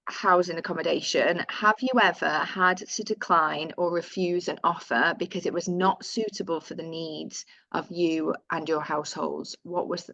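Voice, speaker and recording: A woman's voice: fairly low pitch, steady tone, normal speed, gravelly, few pauses, a bit bright, no echo, highs cut off. A woman with a Northern English accent presenting survey findings in a webinar, reading out figures with fillers and self-corrections.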